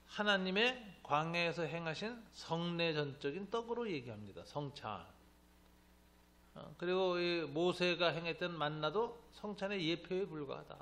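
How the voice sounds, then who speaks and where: A man teaching a Bible class as a pastor, lively and joking, acting out the voices of the people he quotes. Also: on the high side. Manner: animated, acts out quoted voices, joking asides.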